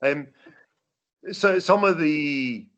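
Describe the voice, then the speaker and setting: An older man with a broad Scottish accent giving an informal talk as a veteran journalist, halting and repeating words. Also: fairly high pitch, a bit bright. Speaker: veteran journalist, guest speaker. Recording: dull lo-fi call audio.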